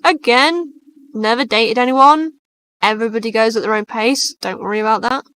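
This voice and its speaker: Young woman, bright high voice, blunt casual chatter, swears freely, live stream co-host. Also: normal speed, clear, resonant tone. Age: 20s. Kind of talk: casual chat reading posts aloud.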